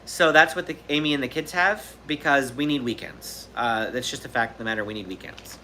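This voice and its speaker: A Southern California man in his thirties hosts a live Q&A, speaking briskly in a medium-pitched, pushed, bright voice. His talk is loose and rambling, with fillers and restarts, against slight background noise.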